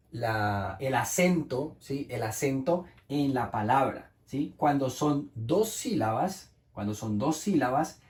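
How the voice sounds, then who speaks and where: A male teacher explains grammar rules in Spanish, slowly and patiently, checking in with his listeners as he goes. He speaks in a roomy, echoing space at a mid pitch. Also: a little mellow. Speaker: English teacher.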